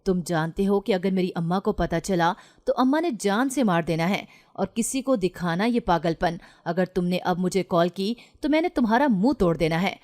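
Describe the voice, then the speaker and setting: A woman narrator voicing an anxious but defiant young unmarried daughter in a storybook reading, insistent and sharp-tongued. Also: fairly low pitch, expressive, few pauses, lightly acted. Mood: angry. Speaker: daughter in a read-aloud story.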